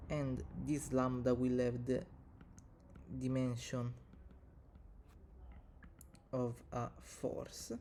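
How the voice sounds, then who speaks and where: A man who is not a native English speaker teaches physics step by step, dictating equations in short, halting pieces. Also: mid-range voice, dark tone, slight background noise. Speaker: physics tutor, video presenter. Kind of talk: step-by-step maths lesson, reading out equations.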